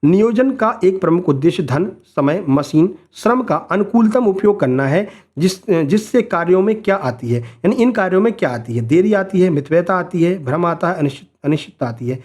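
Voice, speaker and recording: A man's voice: high voice, lively intonation, normal speed, few pauses, a little mellow. A man teaching an exam-prep lesson who explains each multiple-choice answer. He asks rhetorical questions and keeps checking in with "right?". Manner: rhetorical questions, frequent "है ना?" tag; motivational asides to students.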